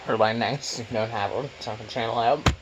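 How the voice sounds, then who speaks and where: A man's voice: mid-range voice, steady tone, fairly quick, highs cut off. Man chatting casually over a noisy meal. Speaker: vlogger. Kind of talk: casual mukbang chat while eating. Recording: noisy room, clattering cutlery and dishes.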